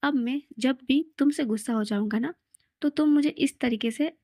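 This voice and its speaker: A woman's voice: high voice, moderate pace, warm tone, dry recording, studio quality. A woman voicing a sulky, easily upset young man in a storybook reading, pouting and later teasing.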